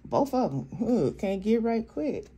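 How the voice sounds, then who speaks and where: A woman doing a casual tarot reading, blunt and profane, halting with fillers and often laughing. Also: on the high side, very animated, dark tone, slightly rough. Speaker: tarot reader.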